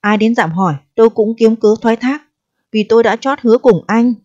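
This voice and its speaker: A woman's voice: fairly quick, a little mellow, dry recording, natural voice. A woman voicing a distressed, proud eighteen-year-old pregnant girl who pleads and reproaches in a storybook reading. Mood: pleading reproach. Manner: pleading and reproachful, turning shrill when upset. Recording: dull, dry audio.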